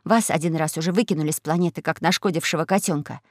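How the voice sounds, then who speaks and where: A woman voicing a bold, cool-headed young girl in a storybook, speaking calmly and firmly. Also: sits low, quick pace, no room sound, clean studio sound. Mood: firm, defiant. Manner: calm, firm, defiant.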